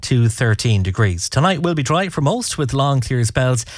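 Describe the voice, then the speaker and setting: A man's voice: mid-range voice, very animated, moderate pace, dry recording, clean studio sound. A man reading a scripted radio weather forecast.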